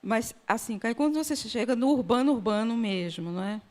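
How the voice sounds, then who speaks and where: A woman mediating a literary conversation, asking long questions with frequent pauses and hesitations. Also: fairly high pitch, expressive, a little mellow. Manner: hesitant, many fillers and restarts. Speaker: interviewer, mediator.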